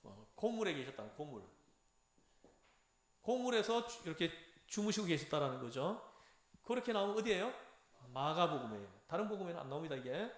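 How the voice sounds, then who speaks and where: High-voiced man teaching in an echoey room. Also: fairly quick, long pauses. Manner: animated, acts out dialogue, has audience repeat phrases. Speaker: Bible lecturer. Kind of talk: lively interactive Bible lecture. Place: church lecture room.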